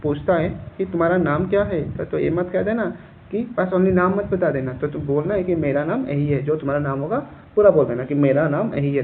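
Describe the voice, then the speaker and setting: A male teacher patiently explaining textbook answers in a class lesson, reading lines out slowly and then going over them again. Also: a little high. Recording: tinny phone-like recording with faint hiss.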